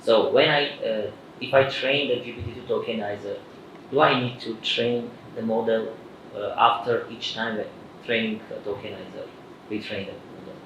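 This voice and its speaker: Young male audience member, hesitant with fillers, gravelly, far off mic in an echoey hall, dull sound, clear background noise. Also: fairly low pitch, fairly even intonation, normal speed, fairly bright tone. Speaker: audience member asking a question. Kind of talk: Q&A question. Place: conference hall. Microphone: handheld mic.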